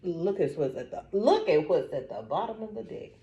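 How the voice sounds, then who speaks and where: A woman's voice: fairly low pitch, moderate pace, lo-fi sound. A woman talking casually to her camera as a vlogger, telling stories with lots of laughter and repeating affirmations like a preacher. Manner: animated storytelling, frequent laughter.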